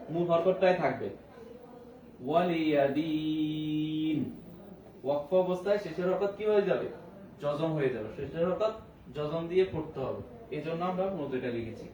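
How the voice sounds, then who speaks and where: A man leads an online Quran recitation lesson in a somewhat high voice. He spells out letters and vowel marks, then chants whole words slowly with long drawn vowels. The sound is roomy and echoey, with a faint hum behind it. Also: a little mellow, distant mic. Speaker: Quran teacher. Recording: roomy echo, voice away from the mic, faint background hum.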